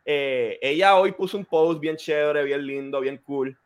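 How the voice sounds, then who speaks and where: Male podcast host, somewhat high voice, playful and theatrical. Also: unhurried. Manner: joking, animated, mock-dramatic. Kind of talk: casual podcast chat.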